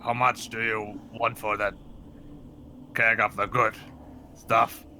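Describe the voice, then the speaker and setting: A man's voice: on the low side, flat delivery, slow pace, bright, forceful tone, slight background noise. A man playing a tabletop game, talking casually. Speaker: player. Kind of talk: casual play.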